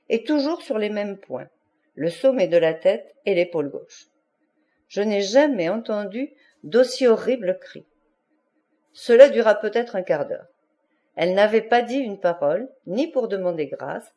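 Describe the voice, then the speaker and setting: A woman reads a literary novel aloud in a steady, measured manner. Her voice is warm and mellow, pitched in an ordinary middle range. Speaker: audiobook reader. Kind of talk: audiobook narration.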